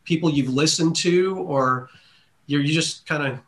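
A man's voice: fairly high pitch, unhurried, a bit bright. A man hosting a podcast interview, talking in an enthusiastic, casual way and often repeating words as he goes. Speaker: podcast host.

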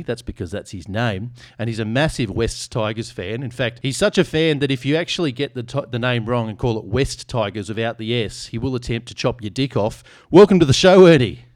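A man hosting a sports podcast with an irreverent, joking manner. His voice sits at an everyday middle pitch, recorded dry and close with no room sound. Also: darkish tone, no echo. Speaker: podcast host. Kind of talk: casual sports podcast chat.

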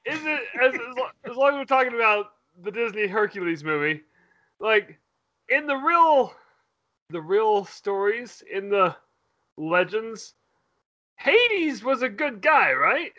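A man's voice: high-pitched, big pitch swings, unhurried, bright, forceful tone, muffled recording. A man in casual chat, playful, asking questions and joking with friends. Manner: playful, asks questions and jokes.

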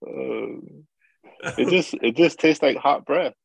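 A podcast co-host with a mid-range, creaky voice speaks slowly in a rough recording with crowd noise behind him. He chats casually, joking and teasing his friends, and laughs often.

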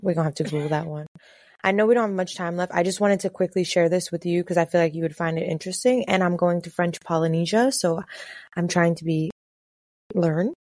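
Chatty low-voiced woman from the Caribbean. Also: fairly even intonation, fairly quick, a little mellow, dry recording, clean studio sound. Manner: chatty, laughs easily. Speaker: podcast co-host. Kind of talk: casual chat.

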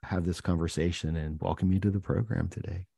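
A male podcast host interviewing a guest, speaking in an earnest, slow and deliberate way. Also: sits low, fairly even intonation, creaky, dark tone, breathy edge, no room sound, studio quality.

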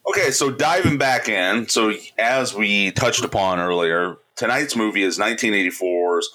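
A man's voice: fairly low pitch, normal speed, sharp tone, poor audio. A man co-hosting a podcast in casual chat, playful and laughing often as he quizzes his co-host.

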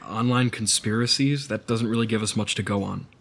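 A man's voice: fairly low pitch, fairly quick, vocal fry, a bit bright. A man playing a laid-back, skeptical investigator in naturalistic audio drama dialogue, casual and understated. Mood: casual, doubtful.

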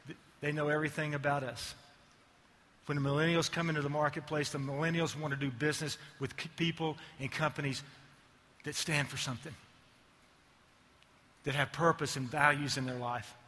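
A man's voice: fairly high pitch, flat delivery, brisk, pushed and bright. Joking man on a big hall stage. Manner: joking, self-mocking asides. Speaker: ad agency executive giving a keynote. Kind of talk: conference keynote talk.

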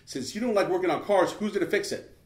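A man voicing his own teasing, gruff middle-aged mechanic father, raising his pitch and mocking as he retells the scene. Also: fast talker, lightly acted. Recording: roomy echo.

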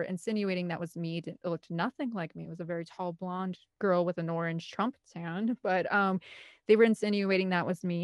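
A woman with a fairly low voice, recorded with no echo, is an interview guest who works as a film composer and director. She tells personal stories in a candid, rambling, earnest, conversational way.

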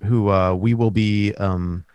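A man with a lowish voice co-hosting a podcast in loose, joking chat. He meanders through his points, stalling on fillers, and the sound is close and dry with no room behind it. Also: steady tone, slow pace, a little mellow, clear, resonant tone, no room sound. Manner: rambling, lots of hesitations. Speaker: podcast co-host. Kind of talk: casual comedic chat.

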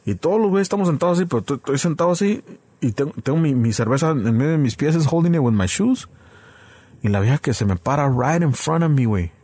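A man's voice: a little high, darkish tone, slightly rough, dry recording. A man telling a crude, slang-heavy story as a podcast host. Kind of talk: casual storytelling chat.

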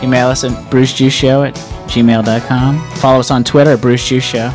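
A man's voice: mid-range voice, level tone, fairly quick, over music. A man co-hosting a radio show with casual, joking banter.

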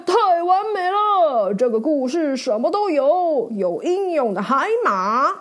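A woman voicing a brave, cheerful male knight who exclaims with excitement. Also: high voice, slow pace, exaggerated voice. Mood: excited.

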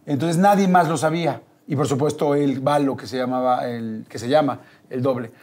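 A man with a Mexican accent and a mid-range voice tells an anecdote as a guest in casual chat, speaking at normal speed. He is animated and acts out the quotes in this casual storytelling.

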